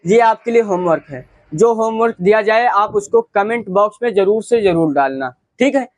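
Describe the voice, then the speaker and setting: A man's voice: high voice, no echo. A man teaching a chemistry lesson, asking questions and answering them himself, repeating key terms. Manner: repetitive, asks and answers his own questions. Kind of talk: classroom lecture.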